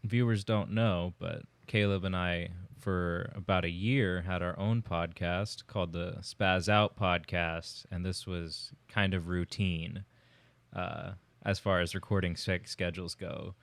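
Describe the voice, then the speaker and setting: A young man talks easily in a low, smooth voice, spinning stories with his housemates on a casual podcast. The sound is close and dry, with no room around it. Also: fairly even intonation, a little slow, fairly bright tone, no room sound. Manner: storytelling, laid-back, swears casually. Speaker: podcast co-host. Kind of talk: casual chat. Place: shared house.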